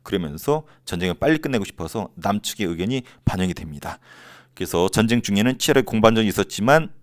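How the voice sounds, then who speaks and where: A man's voice: lowish voice, animated, fast talker, dry recording. Joking male history teacher, dry close sound. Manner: joking, teasing asides in banmal; playfully acts out short quotes. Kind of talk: lively casual lecture.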